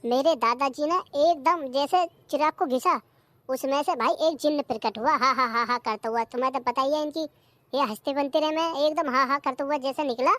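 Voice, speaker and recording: Cartoon villager, tall-tale braggart, high dry voice, put on by a voice actor. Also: normal speed, pushed and bright, no room sound. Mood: boastful. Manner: bragging storyteller. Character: boastful young villager spinning a tall tale. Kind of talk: cartoon comedy voice acting.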